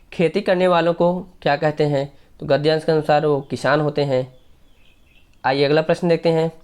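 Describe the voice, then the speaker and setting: Brisk man teaching exam answers. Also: on the high side, darkish tone. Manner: brisk, explanatory, addresses viewers directly as friends. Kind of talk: quick exam-prep lesson explaining answers.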